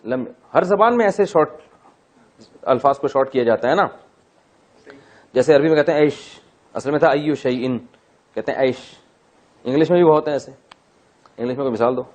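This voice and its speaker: A man teaching a Quran class, explaining Arabic grammar with drawn-out recitation of words and joking asides. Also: medium pitch, darkish tone. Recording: dull, muffled lecture recording.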